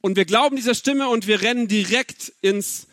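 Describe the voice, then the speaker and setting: A preacher in his thirties gives an earnest, personal sermon, speaking directly to his listeners. His voice sits high with a fairly bright tone at a moderate pace. The studio sound is clean, with no echo.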